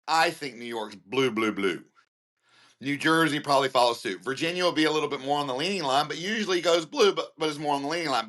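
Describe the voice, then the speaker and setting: A man hosting a news commentary show, reading headlines and breaking into animated, emphatic opinionated asides. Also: fairly high pitch. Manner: animated, ranting asides between read headlines; excitable, gets worked up and emphatic.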